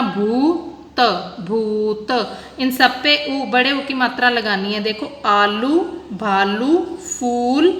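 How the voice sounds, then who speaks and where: A woman's voice: sits high, bright, forceful tone. A woman primary school teacher giving a recorded lesson, patiently spelling out words for young pupils. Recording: echoey room with long reverb.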